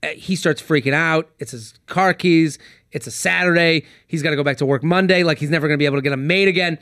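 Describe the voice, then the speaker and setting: A man, a comedian guest on a podcast, telling a story in casual chat, animated and swearing freely. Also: on the high side, quick pace, no echo, clean studio sound.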